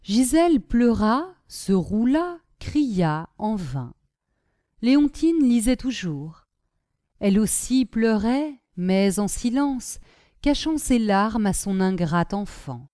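Woman, audiobook narrator, animated intonation, dry close recording. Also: a little high, takes it slowly, no room sound. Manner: expressive storytelling.

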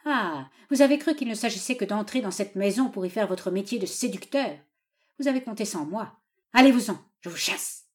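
A woman's voice: big pitch swings, moderate pace, close to an everyday voice. A woman reading a novel aloud, voicing an old father who pleads with his daughter and then rages at her suitor. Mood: furious. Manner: pleading then furious, raised and high. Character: doting, tyrannical old father, quick to rage.

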